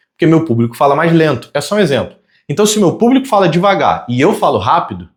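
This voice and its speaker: A Brazilian communication consultant, who calls himself a fast talker, gives a conversational teaching monologue to camera in a fairly high-pitched voice. He asks many rhetorical questions and slows down on key words.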